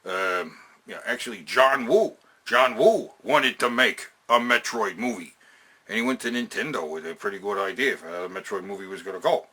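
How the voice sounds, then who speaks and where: A man hosting an opinionated countdown of games and films speaks in a mid-range, sing-song voice at normal speed, bright, forceful and husky. His talk is casual and emphatic, full of sweary slang and phrases repeated to drive them home.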